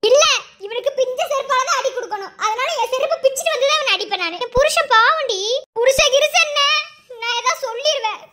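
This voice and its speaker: Woman doing very high-pitched Madurai cartoon girls. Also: animated, over a noisy crowd. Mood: bickering. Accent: Madurai Tamil. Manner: scolding, quick village slang. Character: young village women of a family, bickering and tearful. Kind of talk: animated family cartoon dubbing.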